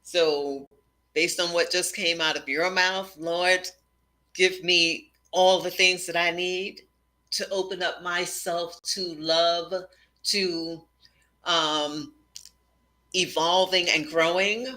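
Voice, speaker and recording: A woman's voice: on the low side, fairly even intonation, slow pace, sharp tone, rough recording. A woman hosting a casual spiritual conversation, teacherly and repeating key points. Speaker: host.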